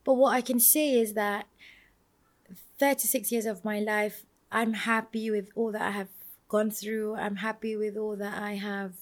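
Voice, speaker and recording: A woman's voice: medium pitch, little pitch movement, a little slow. A woman in her thirties from Malaysia, hosting her own podcast in a reflective, earnest solo talk, often musing aloud with fillers and restarts. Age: 30s. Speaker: podcast host.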